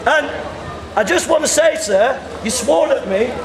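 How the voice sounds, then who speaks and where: A middle-aged man from England, preaching loudly and repetitively outdoors on a shopping street. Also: very high-pitched, animated, measured pace, creaky. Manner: loud, repetitive, confrontational, pointing and gesturing. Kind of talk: open-air street preaching. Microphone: handheld camera a few metres away. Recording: echoey street with crowd noise. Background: passers-by and crowd noise.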